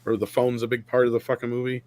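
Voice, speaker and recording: Hosting a casual chat show, a podcast host reads viewer super chats aloud and answers them with blunt swearing. His medium-pitched voice is level and a little mellow, and he talks fast.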